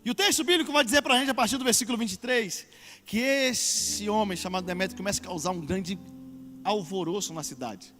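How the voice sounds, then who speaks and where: Pastor guy preaching in a big echoey hall, soft music under him, goes loud and stretches words. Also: high voice. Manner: preaching with loud emphatic swells and drawn-out words. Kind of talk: sermon. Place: church service.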